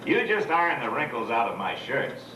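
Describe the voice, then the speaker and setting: A man's voice: mid-range voice, very animated, normal speed, distant mic, background noise. Folksy proud father on old VHS tape. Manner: folksy, boastful. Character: cheerful proud turn-of-century family father. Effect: old home VHS tape of a theme-park show. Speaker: animatronic show narrator. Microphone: camcorder in the audience. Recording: echoey show hall taped from afar. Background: loud show music.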